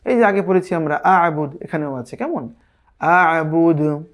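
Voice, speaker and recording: A man leads a recitation lesson with a patient, repeating way of teaching. He chants each verse slowly and stretches it out, then drops back into plain explanation and asks the listeners whether they follow. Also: sits high, expressive. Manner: drawn-out Arabic recitation between plain explanations.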